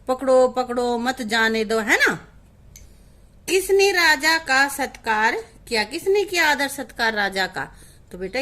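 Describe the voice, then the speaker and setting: A woman's voice: sits high, bright, forceful tone. A woman teaching a lesson to young children, asking questions and answering them herself in a coaxing, patient way. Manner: asks questions and answers them herself, calls pupils beta. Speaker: primary school teacher.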